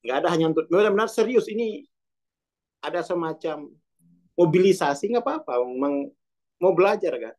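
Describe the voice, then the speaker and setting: A man's voice: high voice, animated, normal speed, vocal fry, pauses often, a little mellow. Rambling man teaching on a video call. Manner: rambling, colloquial, conversational. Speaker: self-development teacher.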